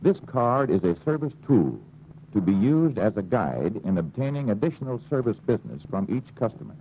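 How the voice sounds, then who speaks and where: An American man with a voice on the low side narrates an instructional film in a measured, instructive manner. The old film soundtrack is dull and carries faint hiss.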